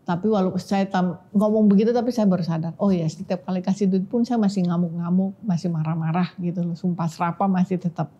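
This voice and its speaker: A woman's voice: fairly low pitch, steady tone, fast talker, hardly any pauses, warm tone, slightly rough, dull audio. A woman telling her personal testimony in earnest casual talk, often quoting what she and others said. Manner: earnest, repeats phrases, quotes herself and others. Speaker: guest sharing testimony.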